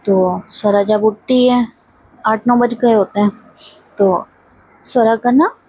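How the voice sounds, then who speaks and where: A woman's voice: a little high, steady tone, slow pace, darkish tone, slightly rough, rough recording. A woman casually recapping the plot of a series, chatty and loose, linking every line with "so she says". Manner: chatty, strings the story together with repeated "so she says". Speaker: storyteller recapping a web series. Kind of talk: casual spoken story recap.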